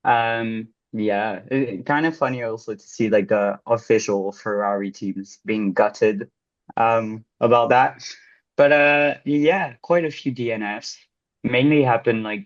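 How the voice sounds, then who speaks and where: A man's voice: on the low side, measured pace, no echo, lo-fi sound. A young man with a French accent, a podcast co-host telling a story in casual, rambling chat full of fillers. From France.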